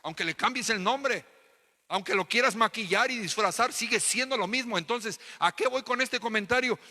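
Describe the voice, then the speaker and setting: A man's voice: extremely high pitch, moderate pace, bright, forceful tone, in a large hall. Emphatic preaching man with Mexican accent. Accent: Mexican Spanish. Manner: preaching with emphatic repetition and rhetorical questions. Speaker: pastor. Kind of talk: sermon. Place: church hall.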